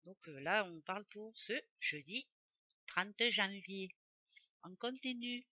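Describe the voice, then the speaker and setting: A woman's voice: mid-range voice, lively intonation, slow, pushed and bright, no room sound, lo-fi sound. A woman doing a casual oracle card reading for her viewers, chatty and rambling, often correcting herself aloud. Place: home office.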